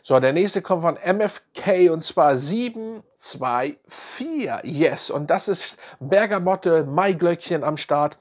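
A man's voice: on the high side, expressive, takes it slowly, hardly any pauses. A man reviewing fragrances in a casual, enthusiastic way, piling on slangy praise. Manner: enthusiastic, repeats slang praise like "nice" and "geil".

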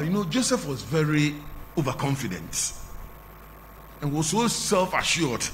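Into a lectern microphone, with a face mask on, a middle-aged canon whose English carries a Ghanaian accent reads the gospel and preaches at a large church's altar. His medium-pitched, fairly bright voice moves in measured, stretched-out phrases whose endings fall away. The sound carries long church reverb and a faint hum.

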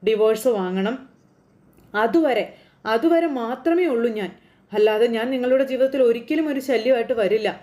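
A woman's voice: fairly high pitch, normal speed, dark tone, lightly acted. A woman voicing a weary young wife earnestly pleading her case, close to her own speaking voice.

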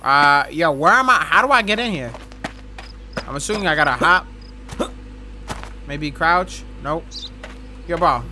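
A young man commentating a video game casually, with loud, profane, joking reactions. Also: a little high, animated, measured pace, long pauses, a little hiss or hum. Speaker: gaming streamer.

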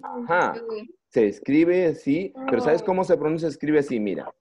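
Speaking at a normal pace, this man has a husky, slightly high voice and a Peruvian Spanish accent. Running an online English lesson for young learners, he asks question after question, playfully jokes, and eagerly encourages the children to participate. The sound comes from a computer microphone on a video call and is somewhat muffled, lo-fi call audio.

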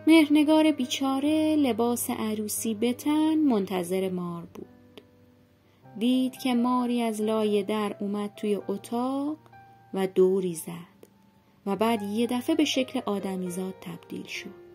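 A woman host narrating an old folk tale with slow, dramatic storytelling pauses. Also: a little high, warm tone, faint music behind.

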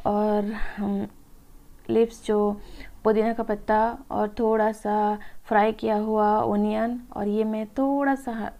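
A woman home cook with a warm, medium-pitched voice narrates an informal cooking tutorial. She walks viewers through a recipe and talks to them like friends.

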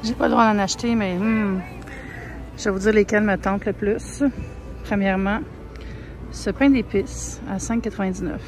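A woman's voice: mid-range voice, fairly even intonation, normal speed, long pauses, rough recording. Young Québécois woman, casual vlogger, chatty shop-with-me talk on a phone mic, faint store music. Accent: Québécois French. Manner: chatty, lots of fillers, soft asides. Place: large grocery store, indoors. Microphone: handheld phone camera.

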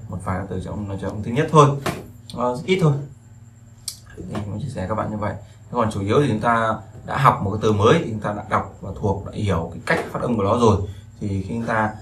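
A man who teaches Chinese gives a relaxed, rambling language lesson full of fillers and repeated words. His voice sits on the low side, with background noise present.

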